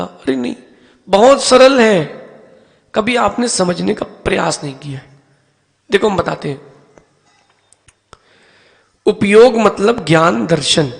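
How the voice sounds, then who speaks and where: A male monk delivers a patient, questioning sermon in a temple. His voice sits high and has a gravelly texture. A long hall reverb trails after each phrase. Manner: asks listeners questions and calls on them by name; explains step by step with everyday objects. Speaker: Jain monk. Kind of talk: teaching sermon.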